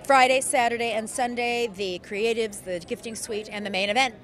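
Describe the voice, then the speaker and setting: A woman's voice: on the high side, steady tone, normal speed. A woman answering as a guest in a red carpet interview. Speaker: interviewee, event host. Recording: crowd noise behind.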